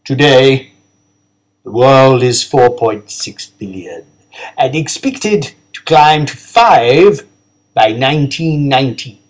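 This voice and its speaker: A man voicing an old professor who lectures a hall in a slow, grave, booming voice. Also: lively intonation.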